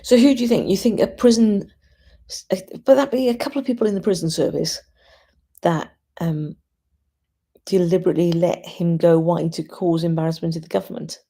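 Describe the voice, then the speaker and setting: Female livestream host, husky and heavy on vocal fry, opinionated, informal, thinking out loud. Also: fairly low pitch, brisk. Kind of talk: casual chat to live commenters.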